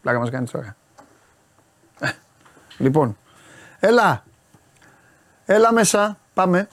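A man hosting a talk show bounces through casual banter with a lively, swooping voice. He gets animated and mimics others, his pitch sitting a touch high. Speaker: show host.

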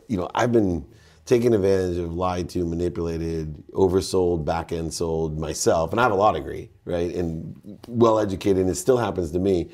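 A middle-aged male host with a very low, mellow voice. He asks his questions in a measured, reflective way, laying out his thoughts before he puts them to his guest. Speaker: interview host. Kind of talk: conversational interview hosting.

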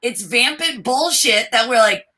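Female co-host, casual and animated, bright tone, curses freely. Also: fairly high pitch, measured pace, poor audio. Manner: animated, swearing, laughing often. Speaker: podcast co-host. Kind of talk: casual chat.

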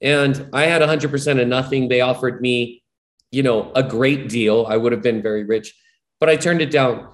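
In casual, reflective storytelling, a man from Hawaii who is a musician guest recounts his story in an earnest, meandering manner full of "you know"s. He speaks in a mid-range voice at a moderate pace.

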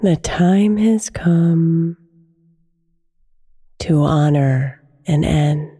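A woman host speaking a slow, soft guided meditation prayer, some lines near a whisper. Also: low voice, breathy edge, no echo, studio quality. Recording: music bed under the voice. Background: soft new-age guitar music.

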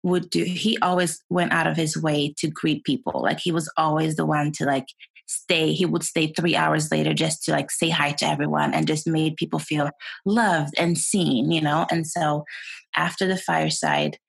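A woman's voice: sits low, normal speed, vocal fry, slightly rough. A young woman from Sweden, a guest chatting casually on a video call, laughing often and full of fillers. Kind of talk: casual interview chat.

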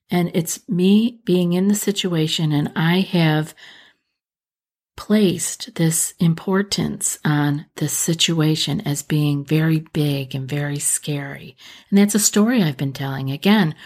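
Low-pitched woman, gentle podcast host. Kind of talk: calm reassuring self-help talk to the listener.

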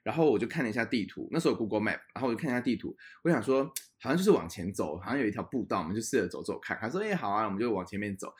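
A young man co-hosting a podcast, telling a travel story in a lively way, laughing often and dropping in English words. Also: fairly low pitch, very fast, hardly any pauses, slightly rough. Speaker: podcast co-host. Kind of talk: casual chat, storytelling.

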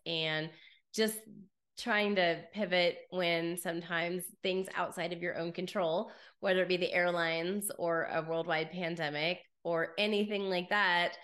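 A woman's voice: lowish voice, fairly bright tone. A woman hosting a podcast interview, upbeat and enthusiastic, asking long, winding questions. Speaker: podcast host.

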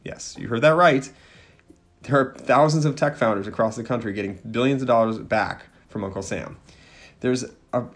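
A man hosting a podcast, reading announcements and sponsor messages in an upbeat, promotional way. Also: mid-range voice. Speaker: podcast host.

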